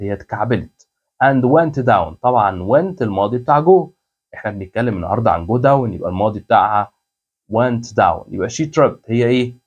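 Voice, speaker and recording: A man's voice: medium pitch, slightly rough, muffled recording. A man with an Egyptian Arabic accent teaching English verbs, patiently repeating words and answering his own questions. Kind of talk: language lesson.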